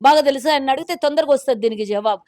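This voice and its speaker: A woman's voice: sits high, rapid-fire, darkish tone, no room sound. A woman with a Telangana accent, a corporation chairperson speaking as a guest in a political interview in an indignant, pointed and sarcastic way. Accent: Telangana Telugu.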